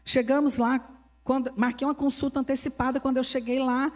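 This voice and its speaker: A Brazilian woman pastor preaches in a church hall with a Brazilian Portuguese accent, her voice high and brisk with little pitch movement. She is fervent and emphatic, repeating her key phrases, and the hall adds a long reverb.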